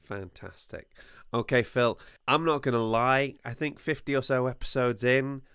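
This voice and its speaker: A man's voice: mid-range voice, moderate pace, a bit bright, clean tone, no room sound, studio quality. A man co-hosting a podcast in casual chat, wry and teasing. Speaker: podcast co-host.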